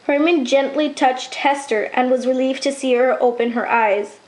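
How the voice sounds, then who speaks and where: A woman narrating a children's story in an even, clear reading voice. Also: high-pitched, moderate pace, poor audio.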